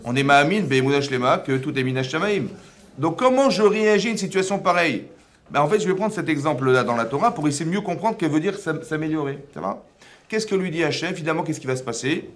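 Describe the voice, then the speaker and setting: A man teaching a religious class, animated, asking many rhetorical questions. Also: a little high, fast talker, a little hiss or hum. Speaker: rabbi teaching a women's class. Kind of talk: religious lecture.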